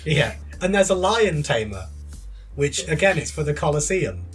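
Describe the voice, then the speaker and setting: A fairly high-voiced man co-hosting a podcast, chatting casually about video games. He is chatty and breaks into giggles between sentences, with faint music behind him. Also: sing-song, moderate pace. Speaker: podcast co-host.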